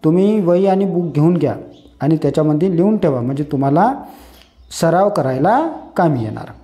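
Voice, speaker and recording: A man's voice: on the high side, brisk, dark tone. A man teaching English phonics to beginners, asking questions and then answering them himself. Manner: repetitive call-and-response teaching, asks and answers own questions. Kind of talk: slow phonics lesson for beginners.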